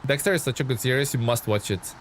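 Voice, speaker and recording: A fast-talking Lithuanian man with a mid-range voice does casual live-stream chat during a game, reading and replying to viewer comments full of fillers. A little hiss or hum is audible.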